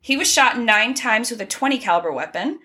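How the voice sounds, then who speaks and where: A woman's voice: a little high, lively intonation, fairly quick, pushed and bright. A woman co-hosting a casual true crime podcast, running through the case details in a chatty way with small asides. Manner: conversational, reads case facts with asides and laughs.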